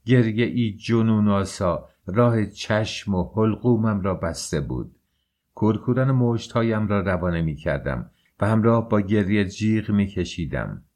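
A man narrating an audiobook in a measured, emotional first-person reading. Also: lowish voice, lively intonation, a little mellow. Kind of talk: scripted narration.

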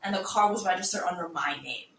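A young woman co-hosting a podcast, chatting and telling stories in an animated way. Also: fairly low pitch, fast, recorded from a distance, background noise. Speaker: podcast co-host. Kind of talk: casual chat. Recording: echoey room, off-mic, faint ambience.

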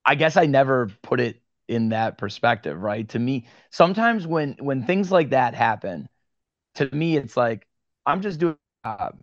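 Guest spot: young Western New York man, animated storyteller, dry close sound, a bit muffled. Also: medium pitch, dry recording. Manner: animated storyteller, quick asides. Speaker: podcast guest, sports card media host. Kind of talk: casual interview chat.

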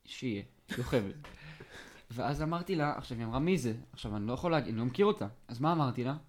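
A man co-hosting a casual podcast chat, a joking storyteller who talks in a lively, teasing way. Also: mid-range voice. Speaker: podcast co-host.

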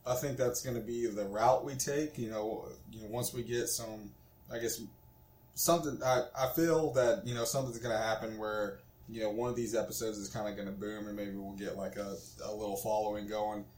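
A man's voice: fairly low pitch, fairly even intonation, brisk, a little mellow. A man in his twenties co-hosting a casual podcast, rambling with lots of fillers. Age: 20s. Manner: rambling, filler-heavy, laughs easily. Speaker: podcast co-host. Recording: echoey room.

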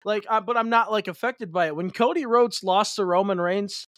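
High-voiced rambling podcast guy. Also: normal speed, a bit bright, no room sound, studio quality. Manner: rambling, many fillers and restarts. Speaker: podcast co-host. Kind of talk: casual wrestling chat.

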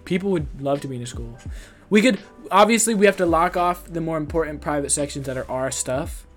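A young man with a fairly high voice chats casually like a frat bro, slangy and informal. He is on an online voice chat, with music behind him. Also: a little fast. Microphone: voice chat on Discord.

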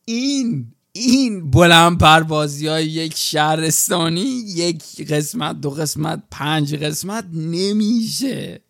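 A man co-hosts a casual chat, throwing in dramatic exclamations and crude jokes. His voice is high and gravelly with plenty of fry. The recording is dry and close. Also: hardly any pauses, a bit bright, dry recording. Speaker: podcast co-host.

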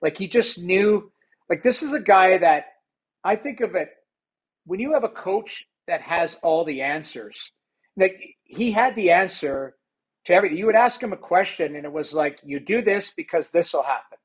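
A man, a former hockey goalie, telling stories in a casual interview, animated and rambling with many fillers. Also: high-pitched, normal speed, husky, low-quality recording.

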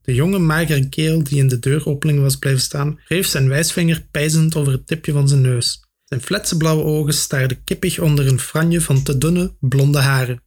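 A man reading a children's adventure story aloud with steady, expressive narration. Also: a little high, normal speed, hardly any pauses, slightly rough. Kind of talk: audiobook narration.

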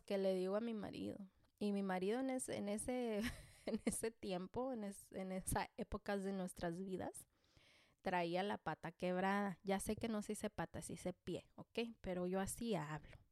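Animated Mexican woman telling a story. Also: mid-range voice, no echo, studio quality. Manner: animated, joking, self-deprecating, slangy. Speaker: mother telling a personal story. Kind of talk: casual storytelling to camera.

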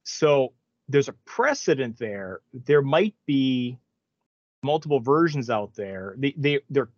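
A man's voice: medium pitch, very animated, slow pace, no room sound, dull audio. A man co-hosting a gaming podcast, talking casually and rambling with many restarts. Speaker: podcast co-host. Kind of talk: casual chat.

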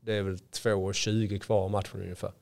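A man in his forties with a gravelly, fry-edged voice, sitting low in pitch. He tells lively anecdotes in a casual podcast conversation, slipping into the voices of the people in his stories. He talks like a former player turned coach looking back on his career. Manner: lively anecdote-telling, acting out quotes.

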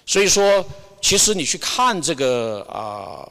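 Halting man sharing in a reverberant hall. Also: fairly high pitch, sing-song, a bit bright. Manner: halting and hesitant, searching for words, mixing in English words. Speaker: church member sharing a Sunday message. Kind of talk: informal church testimony sermon.

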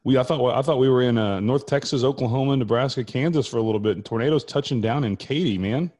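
A man's voice: medium pitch, quick pace, a little mellow. An American man co-hosting a podcast in casual, chatty banter. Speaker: podcast co-host.

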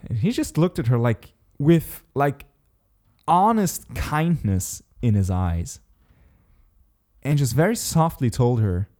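A man's voice: mid-range voice, big pitch swings, slow pace, warm tone. A man casually telling a story in a chat, swearing often and laughing as he talks. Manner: laid-back storyteller, swears often, laughs mid-sentence.

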